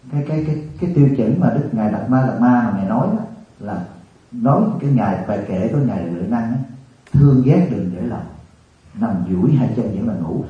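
A man, a Buddhist monk teacher from Vietnam, giving a colloquial, animated sermon full of rhetorical questions. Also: mid-range voice. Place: retreat hall. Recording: distant, echoey, dull room recording.

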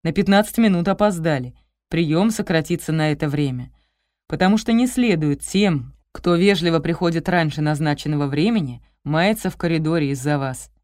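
A stern, pompous doctor of about sixty lectures his patient in a low, dark voice, as a woman narrator voices him. He talks in long, self-important sentences. The recording is dry and close. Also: normal speed, no room sound, natural voice. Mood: irritated.

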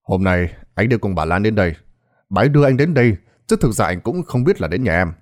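A man voicing a young kept man in a ghost story, talking bluntly and gruffly. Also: lowish voice, sing-song, fast talker. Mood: explaining.

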